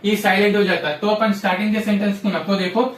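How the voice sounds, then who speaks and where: A man gives a classroom-style grammar lesson, drilling rules repetitively and frequently checking understanding with "samjhe?" His voice is high-pitched, fast, a bit bright and fairly even in intonation, heard from a distance in an echoey room.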